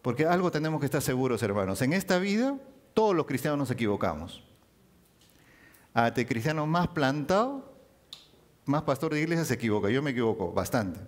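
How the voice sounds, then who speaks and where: Male preacher, animated and expressive, with very lively pitch. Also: a little fast. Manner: animated, rising and dropping for emphasis. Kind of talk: sermon.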